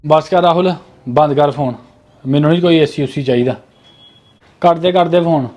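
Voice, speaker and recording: A man's voice: fairly high pitch, normal speed. A man acting as a sulking, demanding brother-in-law in a family short film. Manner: sulky, sharp and demanding.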